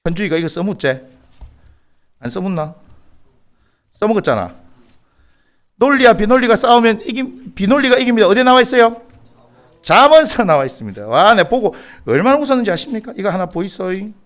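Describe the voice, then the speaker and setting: A man's voice: high-pitched, big pitch swings, brisk, pauses often, a bit bright. A middle-aged Korean pastor with a Gyeongsang accent preaching a sermon, teasing his congregation by name and bursting into mock exasperation.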